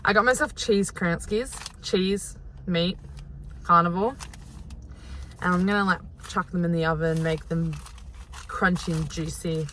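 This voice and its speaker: A young Australian woman with a slightly low voice talks as a vlogger in a chatty, informal way. She rambles casually to her viewers from inside a car. The phone audio carries some faint background noise. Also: fairly even intonation, measured pace, long pauses, fairly bright tone. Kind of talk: casual vlog chat to viewers. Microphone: phone camera. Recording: noisy phone camera audio.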